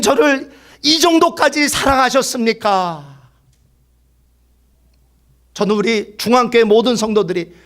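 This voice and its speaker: In a high voice, a male pastor preaches fervently, alternating between loud exclaiming and hushed whispering while getting the congregation to say lines after him.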